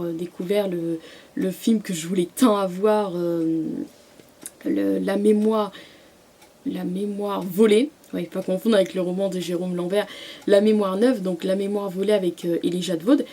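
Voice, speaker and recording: A woman's voice: medium pitch, dark tone. Hesitant woman reviewing books. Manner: hesitant, many fillers and restarts. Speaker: book vlogger. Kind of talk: casual book review vlog.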